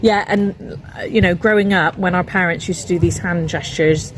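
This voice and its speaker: A woman's voice: fairly low pitch, fairly even intonation, moderate pace, slight background noise. A woman chatting casually, laughing now and then. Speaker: interviewee. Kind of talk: casual chat.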